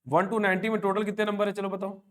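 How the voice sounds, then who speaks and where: Male coaching teacher, 30s, higher-pitched voice, chatty and motivating, calls on students by name. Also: little pitch movement, fast talker. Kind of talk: live online class lecture.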